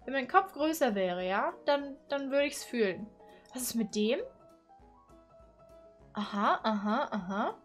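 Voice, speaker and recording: Chatty playful young woman, bit high. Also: animated, a little slow, pauses often, soft background music. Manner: chatty, playful, exclaims and giggles. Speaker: YouTuber. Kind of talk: casual vlog commentary. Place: small bedroom at home. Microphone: studio condenser mic on boom arm.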